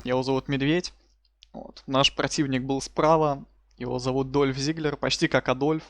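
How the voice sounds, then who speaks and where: A man's voice: medium pitch, fairly even intonation, moderate pace, a bit bright, no room sound. A man giving casual, slangy live commentary as he hosts a gaming stream. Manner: informal, colloquial, slangy. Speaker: live streamer hosting a wrestling game stream.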